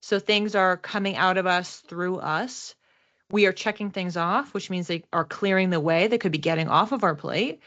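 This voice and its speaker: A woman whose voice is fairly low in pitch yet fairly bright in tone gives a casual, explanatory card reading to camera at normal speed. She speaks as a psychic reader, conversational and reflective, pressing on key words. The audio sounds dull.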